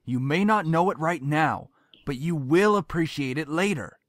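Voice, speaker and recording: Stern, domineering middle-aged dad; crisp, forceful, dry studio read. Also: male voice, on the high side, animated, moderate pace, dry recording. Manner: cold, commanding, explodes in anger. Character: stern controlling father, middle-aged businessman. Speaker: voice actor.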